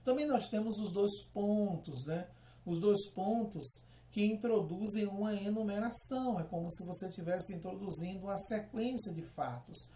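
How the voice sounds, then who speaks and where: A woman's voice: medium pitch, moderate pace, warm tone, echoey room, slight background noise. Woman teacher explaining patiently. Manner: explains step by step, checks in with "ok?" and "né?". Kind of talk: classroom explanation.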